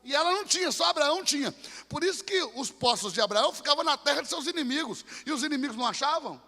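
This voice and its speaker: A pastor with a very high, bright, forceful voice. He preaches dramatically, dropping to quiet asides and then building to shouted peaks. His voice rings out with a long reverb in a large church hall. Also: lively intonation, fast talker. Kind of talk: impassioned sermon.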